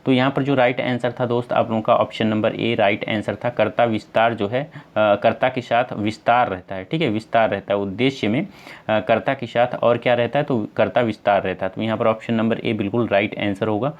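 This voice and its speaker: A man's voice: fairly low pitch, steady tone, brisk, highs cut off. A man with a North Indian Hindi accent teaching an exam-prep lesson, explaining step by step and answering his own questions. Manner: addresses viewers as friends, many fillers.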